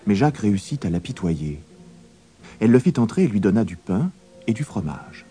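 A man narrating a fairy tale as a storybook reading, with a very expressive, swooping delivery. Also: fairly low pitch, moderate pace.

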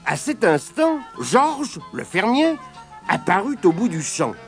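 A man reading a children's storybook aloud in a high, very lively voice. He takes his time, slow and deliberate, and soft music plays underneath. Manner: expressive, animated reading.

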